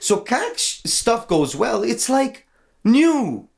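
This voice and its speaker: A man's voice: very high-pitched, sing-song, drawn-out words, creaky, darkish tone. A man from northern Iraq, chatting casually as a podcast guest and mixing in English slang. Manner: laid-back, mixes French and English slang.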